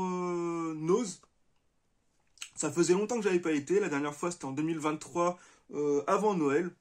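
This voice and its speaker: A man hosting a casual gaming vlog, talking to his viewers in a friendly, chatty way and pausing often with filler sounds. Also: high-pitched. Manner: hesitant, many filler sounds. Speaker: retro gaming channel host. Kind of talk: casual vlog showing game purchases.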